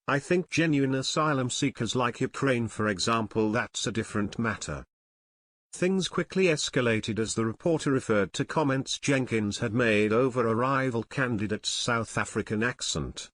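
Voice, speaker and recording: A man's voice: mid-range voice, moderate pace, a bit bright, no room sound. Dry, plain male news narrator. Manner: reads quoted lines in the same plain narrating voice.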